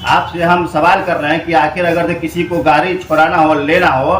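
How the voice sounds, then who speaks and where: A man's voice: a little high, level tone, normal speed, a bit bright. A man interviewing on location as a local reporter, asking long, rambling questions. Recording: echoey room with faint noise.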